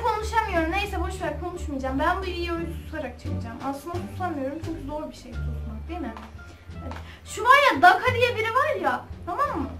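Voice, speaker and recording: Excitable young woman gamer host, very high and animated, with game music behind her. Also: recorded from a distance. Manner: excitable, chatty, shrieks and giggles while playing. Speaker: gaming channel host. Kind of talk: casual gameplay commentary. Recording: echoey room, off-mic, game music behind.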